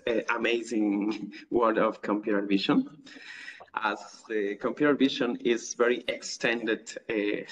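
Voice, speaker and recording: A man's voice: fairly low pitch, a little hiss or hum. A man from Ecuador, giving an online academic talk over a video call with many fillers and restarts. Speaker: guest lecturer. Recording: distant, dull video call audio.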